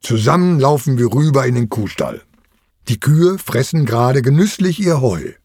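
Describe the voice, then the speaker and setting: A man's voice: mid-range voice, lively intonation, normal speed, darkish tone, breathy edge, no room sound, clean studio sound. A man narrating a children's audio story as the children's uncle, in a storytelling manner.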